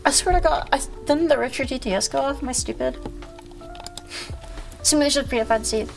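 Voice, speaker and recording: Creaky, higher-pitched woman rambling on stream. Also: faint music behind. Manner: rambling, halting, frequent self-interruption; casual slangy, swearing. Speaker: livestream host. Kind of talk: casual livestream chat with viewers.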